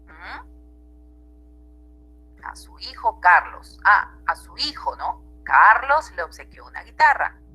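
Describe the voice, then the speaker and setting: A woman's voice: mid-range voice, sing-song, takes it slowly, long pauses, pushed and bright, husky, soft background music, poor audio. A woman teacher with a Peruvian Spanish accent, giving an online grammar class and checking in with her students often.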